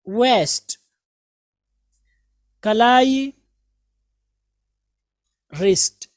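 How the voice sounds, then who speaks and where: Slow, patient woman teaching English words. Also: medium pitch, darkish tone, no echo, studio quality. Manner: patient, repeats each word and meaning. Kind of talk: slow vocabulary drill lesson.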